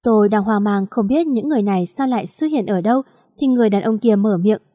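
A woman reading a story aloud in a steady, even narration. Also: mid-range voice, fast, dry recording, studio quality.

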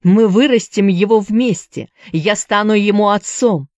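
A woman's voice: medium pitch, measured pace, darkish tone, no room sound, clean studio sound, lightly acted. A woman voicing a passionate young man who urges his lover to run away with him, insistent and urgent. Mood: urgent pleading.

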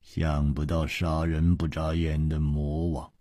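A male storyteller voicing a cold-hearted, wry male martial companion, speaking quietly and mutteringly with a husky voice. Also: a bass voice, monotone, slow pace, no room sound, studio quality, voice pushed down, full character voice.

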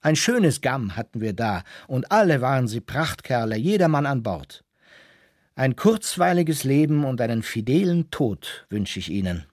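A man's voice: medium pitch, big pitch swings, a little slow, dry recording. A man tells a radio drama story in the first person, wry and wandering. The recording is dry and close with no room sound. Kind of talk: scripted narration.

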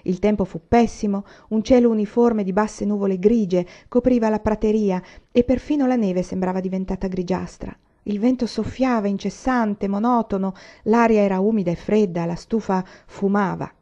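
A woman reading a novel aloud in a steady, even storytelling manner, in a dull lo-fi recording. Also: mid-range voice. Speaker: audiobook reader.

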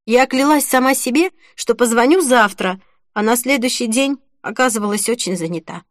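A woman reading the part of a tearful young woman who speaks softly and apologetically in an audiobook. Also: a little high, animated, normal speed, no room sound, clean studio sound, close to an everyday voice. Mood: apologetic, tearful. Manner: soft, sniffling, apologetic.

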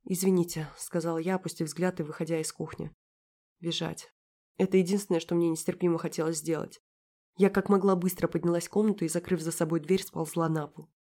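A woman reading first-person audiobook narration in a quiet, intimate, emotionally engaged way. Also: on the low side, fairly even intonation, brisk.

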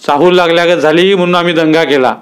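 A man's voice: a little high, fairly even intonation, quick pace, clear, resonant tone, pitched above the performer's own voice, close to an everyday voice. A man reading a story aloud, voicing an anxious, earnest tenant farmer. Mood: urgent.

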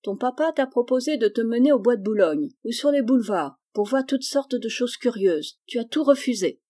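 A woman voicing a firm but loving mother in a storybook, speaking calmly and measuredly. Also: fairly high pitch, moderate pace.

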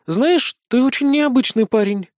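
A man's voice: very high voice, moderate pace, darkish tone, no room sound, studio quality, voice pushed up. A man voicing a cautious young woman who asks careful, hesitant questions in an audiobook. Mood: wary.

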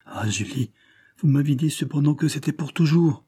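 A man's voice: fairly high pitch, expressive, moderate pace, mellow, breathy edge, no room sound, clean studio sound, pitched above the performer's own voice. A man reading as an ardent young lover. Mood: anguished. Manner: pleading, impassioned. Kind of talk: audiobook character reading.

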